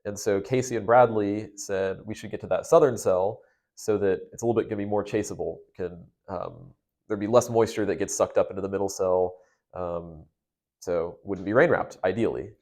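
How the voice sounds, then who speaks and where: Young man, lowish pitch, storm chaser, conversational, detailed step-by-step storytelling. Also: steady tone, normal speed, a little mellow. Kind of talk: casual storytelling of a past experience.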